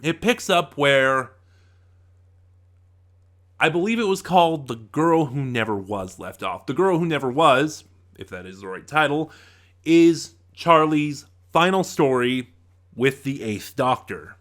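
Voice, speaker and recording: A reviewer and channel host delivers semi-scripted commentary on an audio drama in an informal, explanatory way, correcting himself as he goes. His voice is medium-pitched, expressive, unhurried and fairly bright.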